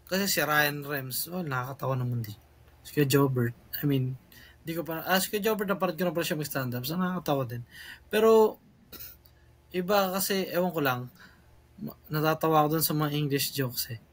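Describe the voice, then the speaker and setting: A man's voice: fairly high pitch, brisk, pauses often. A man from the Philippines co-hosting a podcast in casual, rambling chat that keeps switching languages and breaks into laughs. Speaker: podcast co-host.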